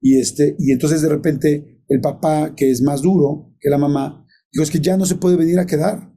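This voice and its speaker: A man's voice: fairly high pitch, steady tone, normal speed, warm tone. A man telling a ghost story in casual chat, rambling with many fillers and self-corrections.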